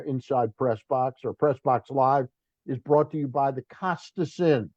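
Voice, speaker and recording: A sports radio host with a warm, medium-pitched voice chats bluntly and casually with a guest on his talk show and reads sponsor plugs. The recording has no room sound and the highs are cut off.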